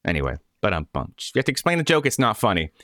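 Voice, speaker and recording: A man's voice: lowish voice, huge pitch swings, fast, bright, forceful tone, dry recording, studio quality. A man hosting a podcast in casual chat, rambling and correcting himself as he goes. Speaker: podcast host.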